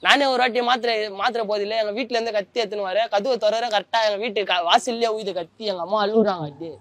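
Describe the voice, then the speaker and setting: Young man recounting his own story, quick high voice, dry close sound. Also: steady tone, a bit bright, dry recording. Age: young adult. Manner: colloquial, often trails off searching for words. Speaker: interviewee, former prisoner. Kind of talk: emotional personal account.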